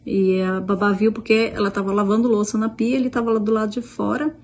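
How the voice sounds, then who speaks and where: A Brazilian Portuguese accent marks this middle-aged woman's casual storytelling as she retells a conversation with lots of restarts and quoted dialogue. A vlogger and mother from Brazil, she speaks a bit fast with flat delivery in a mid-range, darkish voice.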